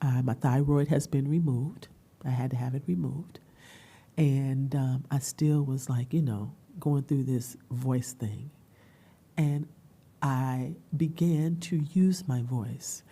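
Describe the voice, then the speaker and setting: Low-voiced, emotional woman telling her story. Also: slow, breathy edge. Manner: emotional, animated storytelling with frequent laughter. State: tearful at times. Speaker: panel speaker and business owner. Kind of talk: personal storytelling in a community dialogue.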